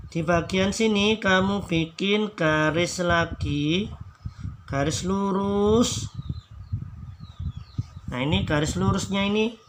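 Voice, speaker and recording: A man gives a patient drawing lesson for children, talking very slowly. His voice sits a little high, and he repeats every instruction and counts the strokes aloud. Steady background noise runs under the recording. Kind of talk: slow step-by-step drawing tutorial for children.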